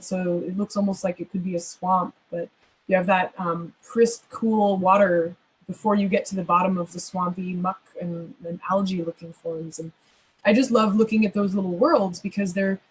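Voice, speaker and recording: A woman's voice: medium pitch, a little mellow, slightly rough, rough recording. A woman guest in a question-and-answer session, answering at length in a thoughtful, rambling way with many fillers. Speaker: astrologer guest. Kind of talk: conversational Q&A answers.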